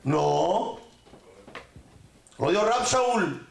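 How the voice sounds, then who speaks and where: A man preaching and teaching a congregation, joking as he corrects pronunciation and drags words out slowly to repeat them. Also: high-pitched, expressive, gravelly, echoey room. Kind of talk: sermon teaching.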